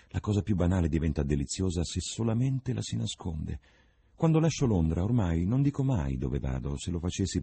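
A man's voice: very deep voice, gravelly, mellow, husky, full character voice. A man voicing an earnest, secretive young painter in a read-aloud novel.

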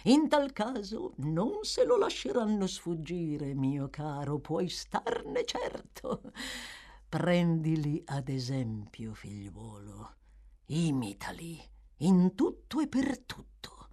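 A woman voicing a sly, coaxing old man who trains young thieves, in a low, soft, drawn-out manner. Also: big pitch swings, full character voice. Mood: wheedling. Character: sly, wheedling old male fence, coaxing.

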